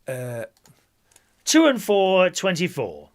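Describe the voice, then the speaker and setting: A man's voice: sits high, wildly swooping pitch, takes it slowly. A man working as a bingo caller, reading out numbers in a sing-song, jokey showman manner and chatting chummily to the players. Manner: chummy, addresses players as gang and my loves. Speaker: bingo caller, host of an online bingo night. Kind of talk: bingo calling with number rhymes and banter.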